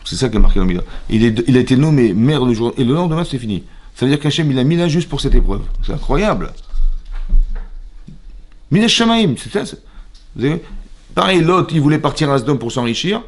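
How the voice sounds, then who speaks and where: A man's voice: mid-range voice, brisk, pauses often. A man, a rabbi, teaching a Torah class in a synagogue, who questions his listeners and acts out quoted dialogue. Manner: lively, asks the audience questions.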